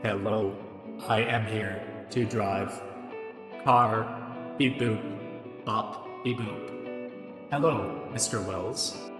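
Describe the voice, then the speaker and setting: A man putting on a robot voice to play a male car AI that speaks in slow, monotone beeps. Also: on the low side, reverberant, long reverb tail, over music. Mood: robotic.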